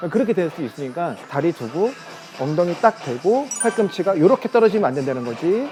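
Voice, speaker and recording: Fast, lively male fitness coach. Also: on the high side, faint music behind. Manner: casual, chatty, demonstrating as he talks. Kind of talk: gym machine tutorial. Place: gym.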